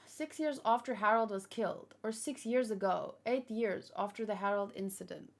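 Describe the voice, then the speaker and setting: With a medium pitch, vocal fry and normal speed, a woman hosting a livestream sounds tired after a long session. She talks casually to viewers, wandering through fan theories as she thinks aloud.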